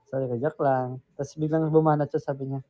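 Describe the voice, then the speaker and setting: A man's voice: mid-range voice, level tone, fast talker, warm tone. A young man from the Philippines hosting a casual live stream, telling a story with acted-out quotes, dropping English words in and laughing often.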